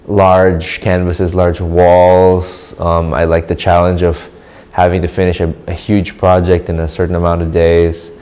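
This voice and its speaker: A man's voice: low voice, warm tone. A man from the Philippines, giving casual, thoughtful interview answers in short reflective phrases. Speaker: artist interviewee.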